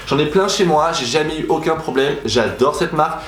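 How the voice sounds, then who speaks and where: A man's voice: on the high side, fairly quick. A young man chatting animatedly as a beauty vlogger, gushing about his favorite products in a casual review. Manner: animated, chatty, exaggerated enthusiasm. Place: room at home. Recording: echoey room with faint music.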